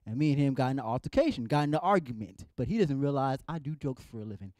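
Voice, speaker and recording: On a clean, dry studio recording, a young man from San Jose, California, works the crowd during his stand-up set, sounding playful and mock-indignant. He's a young adult with a mid-range, slightly mellow voice, speaking expressively at a quick pace.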